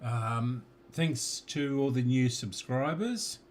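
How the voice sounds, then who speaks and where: Australian man, slow talker, muttering while working, casual repair commentary, faint background noise. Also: medium pitch. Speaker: electronics repair hobbyist.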